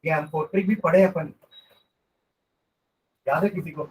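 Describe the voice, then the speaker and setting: Slow, high-voiced male teacher dictating notes. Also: fairly even intonation, darkish tone, rough recording. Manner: slow dictation with repeated phrases, mixing Hindi and English. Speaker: science teacher. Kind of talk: classroom lecture, dictating notes. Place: classroom.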